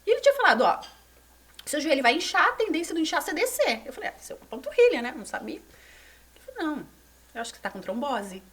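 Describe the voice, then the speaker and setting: A woman in her thirties from Brazil, a former gymnast telling her story as a podcast guest, animated and repeating words for emphasis. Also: high-pitched, fast talker, pauses often. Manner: animated, repeats words for emphasis, drops to near whisper at moments. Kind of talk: conversational storytelling. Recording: voice somewhat distant from the mic.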